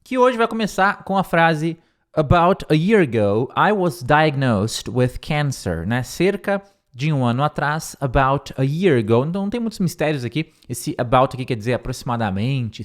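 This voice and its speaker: A young man, teaching English line by line, repeating words slowly, with many fillers. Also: mid-range voice, expressive.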